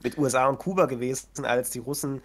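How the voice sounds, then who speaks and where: Male podcast co-host, casual chat, teasing, mid pitch. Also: quick pace. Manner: chatty, laughs often, teasing.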